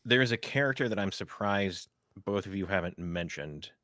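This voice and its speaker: Man, podcast co-host, low voice, rambling casual film chat, dry close sound. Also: expressive, normal speed, pushed and bright, dry recording. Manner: rambling, many fillers and asides.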